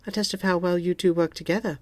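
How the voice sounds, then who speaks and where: A woman's voice: on the low side, steady tone, quick pace, a little mellow, no echo, voice pushed up, natural voice. A man voicing a coy, flirty female office secretary who teases playfully. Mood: teasing. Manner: playful, teasing.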